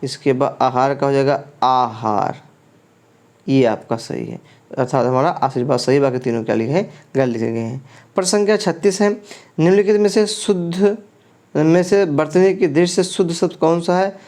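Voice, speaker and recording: Man teaching a spelling quiz, higher voice. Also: moderate pace, a little mellow. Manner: explains step by step, often asking the class and then answering. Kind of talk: exam prep lesson going through quiz questions.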